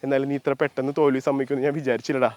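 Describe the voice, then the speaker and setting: A man's voice: medium pitch, flat delivery, racing, a little mellow. A man hosting a challenge video, playful and teasing, hyping the contestants with sung sound effects. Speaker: host running an ice sofa challenge.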